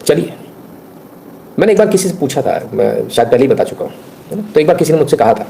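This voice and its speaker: A man's voice: mid-range voice, big pitch swings, quick pace, creaky, mellow, a little hiss or hum. A man giving scornful, blunt reaction commentary on viral videos, ranting with mocking asides.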